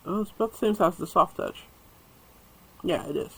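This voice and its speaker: A chatty man talks through his crochet work in a bright, sharp voice pitched a touch high. He rambles casually and drops muttered asides to himself as he works, picked up by a camera mic set over his hands. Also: expressive, a little fast, gravelly, breathy edge, rough recording. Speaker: crochet YouTuber reviewing hooks.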